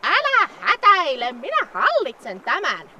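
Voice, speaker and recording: A woman's voice: high voice, wildly swooping pitch, bright, forceful tone, highs cut off, slight background noise. A woman talking to an animal she is leading, coaxing it along and repeating her words.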